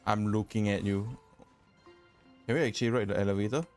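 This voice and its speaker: Dude streaming a game, lowish voice, chatty reactions, game music behind. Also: male voice, fairly even intonation, a little fast, darkish tone. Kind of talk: casual gameplay commentary. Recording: voice over game audio and music.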